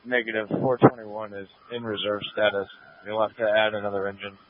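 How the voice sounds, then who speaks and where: A male fire officer makes matter-of-fact radio calls. His voice is fairly low, squeezed through a narrow, tinny two-way radio. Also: flat delivery, a little fast. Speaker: fire engine crew officer. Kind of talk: firefighter radio traffic.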